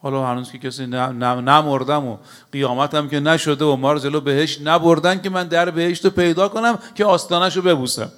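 A man's voice: fairly high pitch, fairly even intonation, fairly bright tone. A man preaching a sermon to a congregation. He tells stories and recites scripture, and he speaks emphatically, often addressing his listeners directly. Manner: storytelling with recited Arabic scripture.

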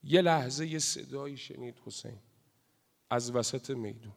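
A man delivering a mourning sermon, swinging between loud wailing cries and hushed grieving murmurs. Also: medium pitch, vocal fry, in a large hall. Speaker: religious eulogist.

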